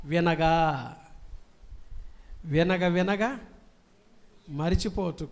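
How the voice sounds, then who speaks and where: High-voiced, slow-preaching pastor. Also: male voice. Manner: call-and-response preaching, urging the congregation to answer aloud; swings from loud proclamations to low, soft asides. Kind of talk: sermon.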